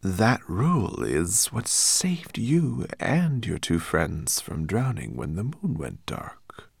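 A man voicing an ancient female sea serpent, sly and amused, with a soft, hissing, sing-song whisper. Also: lowish voice, sing-song, slow, vocal fry, husky, dry recording, studio quality, full character voice.

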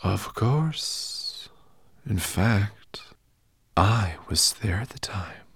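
A man voicing an ancient female sea serpent, sly and amused, with a soft, hissing, sing-song whisper. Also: on the low side, lively intonation, very slow, slightly rough, no echo, studio quality, full character voice.

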